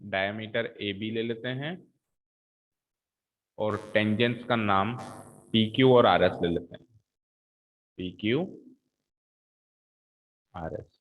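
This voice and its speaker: A man's voice: fairly low pitch, slow pace, long pauses. A middle-aged man teaching a maths lesson, talking students through each step and checking in with them often. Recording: tinny phone-like sound.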